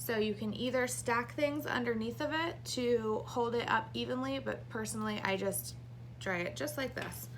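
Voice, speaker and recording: Casting: heavily pregnant woman, out of breath, casual craft-tutorial host, gravelly fry, slight background noise. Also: on the high side, normal speed. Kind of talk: casual hands-on tutorial to camera. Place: small indoor craft room.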